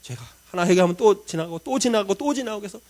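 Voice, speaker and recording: High-voiced man preaching an emotional sermon. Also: animated, fast. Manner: emotional personal storytelling, swinging from loud pleading to hushed murmurs; acts out his own past prayers. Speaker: pastor.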